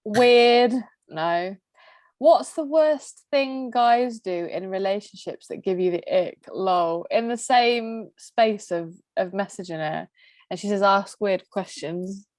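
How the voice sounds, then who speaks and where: Reading messages aloud on a podcast she co-hosts, a woman of mixed Greek and English background, Greek being her first language, is blunt, laughs a lot, and swears. She speaks slowly in a medium-pitched, slightly mellow voice. The recording is dry.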